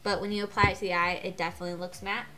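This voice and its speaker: A woman's voice: lowish voice, little pitch movement, racing, pushed and bright, faint music behind. A congested woman with a cold giving a chatty makeup tutorial, gushing and getting out of breath. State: gets out of breath. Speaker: beauty vlogger.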